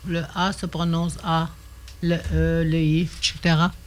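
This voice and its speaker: An older woman, teaching a radio language lesson, slow and patient, repeating each word carefully. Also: low-pitched, flat delivery.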